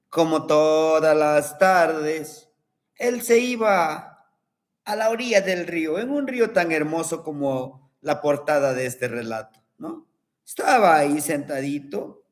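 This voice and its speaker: A man telling a traditional story in a folksy, unhurried way, addressing his listeners directly. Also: a little high. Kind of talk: oral storytelling.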